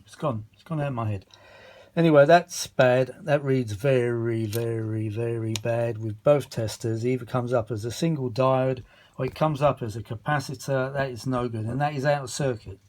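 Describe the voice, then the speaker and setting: This vintage audio repair vlogger is a weary British man speaking at a moderate pace in a medium-pitched, slightly mellow voice. His unscripted commentary wanders, with mutters, grumbles and the odd mild swear as he gropes for words in exasperation.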